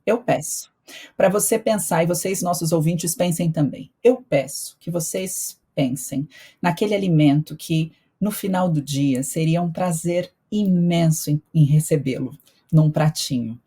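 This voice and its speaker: A woman's voice: low voice, unhurried, warm tone, husky. A woman who teaches eating behavior, talking in a teacherly way and guiding listeners through a reflection exercise on a podcast. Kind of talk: casual podcast conversation.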